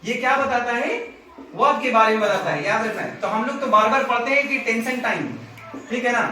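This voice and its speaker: A man's voice: very high-pitched, brisk, bright, forceful tone. Man teaching in an echoey classroom. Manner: quizzing students with repeated questions. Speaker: English grammar teacher. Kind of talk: classroom lecture. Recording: very echoey classroom, distant mic, noisy.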